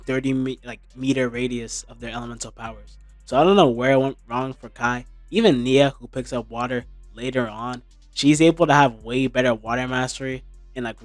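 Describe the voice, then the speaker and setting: A man's voice: medium pitch, dry recording. A young man giving casual recap commentary in a sarcastic, slangy, informal way. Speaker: video commentator.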